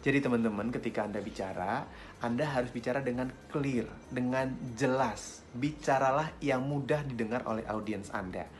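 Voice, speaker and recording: A man teaching public speaking in a friendly, lively way, swinging his pitch up and down to show intonation. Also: moderate pace. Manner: friendly, chuckles between points. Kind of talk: instructional talk to camera.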